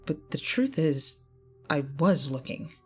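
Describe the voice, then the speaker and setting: Low-voiced woman narrating a horror story. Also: sing-song, husky. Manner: measured, deliberate storytelling. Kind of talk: scripted first-person narration. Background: faint background music.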